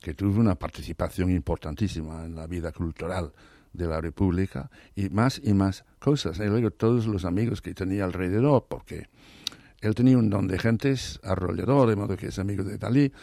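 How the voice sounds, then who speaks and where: A man speaking Spanish as a learned language, hoarse today, talking eagerly in an interview and often restarting or repeating words. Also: deep voice, fairly quick, dark tone, dry recording, clean studio sound. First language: not Spanish. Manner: enthusiastic, restarts words, many repetitions. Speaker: interview guest, literary scholar. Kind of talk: thoughtful conversational interview.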